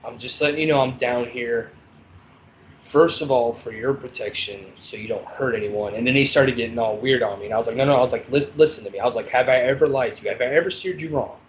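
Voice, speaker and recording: A man on a podcast telling stories of his years as a corrections officer, in a blunt, profane, animated way. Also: medium pitch, quick pace, slight background noise, low-quality recording. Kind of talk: casual storytelling chat.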